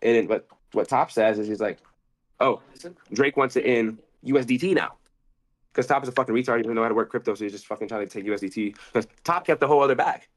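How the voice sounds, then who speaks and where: Rapid-fire cursing man. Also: lowish voice. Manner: rapid, cursing, restarts often. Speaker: interview guest. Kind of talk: rambling profane storytelling.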